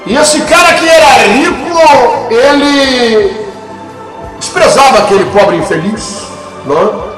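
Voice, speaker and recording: A preacher delivers an emphatic sermon with a very high voice and keeps asking rhetorical questions. His voice rings in an echoey room. Music plays under it. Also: animated, slow.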